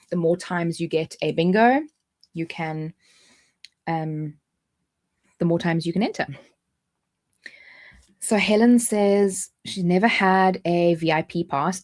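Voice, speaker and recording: A South African woman hosts a casual livestream in a low-leaning, darkish voice. She's chatty, hops from point to point, and restarts her sentences often.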